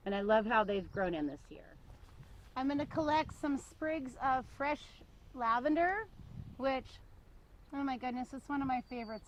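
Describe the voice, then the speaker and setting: A woman's voice: on the high side, slight background noise, rough recording. A woman on a casual show-and-tell tour of her vegetable garden, chatty and enthusiastic, often laughing. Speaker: small farmer giving a garden tour.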